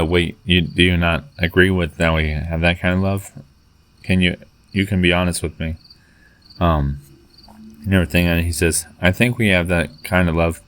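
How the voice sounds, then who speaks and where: A man with a very low voice tells a long personal story, stumbling through fillers and restarts. His delivery stays level and monotone. Faint crickets chirp in the background. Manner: halting, many fillers and restarts. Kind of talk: rambling personal story, reading out chat messages.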